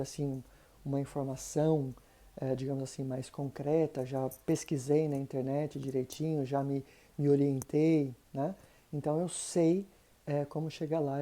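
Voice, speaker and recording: A woman explains German grammar in a patient, thinking-aloud way. Her voice sits low, with a very dark, mellow tone. She keeps checking that her listener follows. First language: Portuguese. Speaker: German teacher. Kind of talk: explanatory online lesson.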